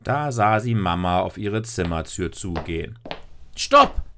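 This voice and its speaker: A man narrating a children's story in a lively, expressive way. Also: low voice, normal speed. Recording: noisy recording with clicks.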